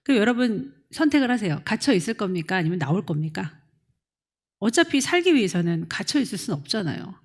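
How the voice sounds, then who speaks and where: Preaching animatedly to young adults, this middle-aged woman pastor speaks fairly quickly in a medium-pitched voice. She dramatizes quotations and puts questions to congregation members by name.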